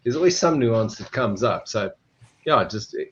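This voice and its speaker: A man's voice: on the low side, lively intonation, normal speed, a little hiss or hum. A man who runs a tech company, a podcast guest talking in a rambling way with many restarts. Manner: rambling, full of restarts and "you know". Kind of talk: casual podcast interview. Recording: dull, lo-fi sound.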